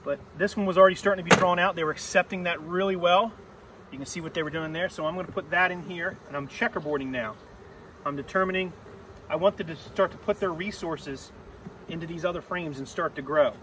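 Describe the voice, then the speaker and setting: A man's voice: a little high, brisk, fairly bright tone, slight background noise. A middle-aged man teaching beekeeping, explaining each step in a plain way while he works outdoors. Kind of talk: hands-on teaching demonstration. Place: outdoor apiary on a grassy yard. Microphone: camera mic a few steps away. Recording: distant outdoor camera audio.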